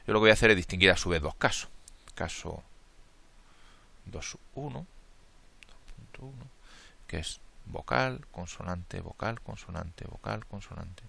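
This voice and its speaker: Low gravelly man explaining combinatorics. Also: expressive, a little slow, long pauses, sharp tone. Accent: Spain Spanish. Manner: methodical, thinks aloud and corrects slips. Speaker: math lecturer. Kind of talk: worked-problem lecture, counting steps aloud.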